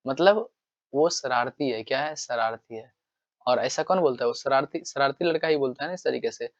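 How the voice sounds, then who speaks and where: A man's voice: mid-range voice, moderate pace, no room sound, dull audio. A male teacher giving an exam-prep vocabulary lesson, repeating phrases and quizzing the viewer with rhetorical questions.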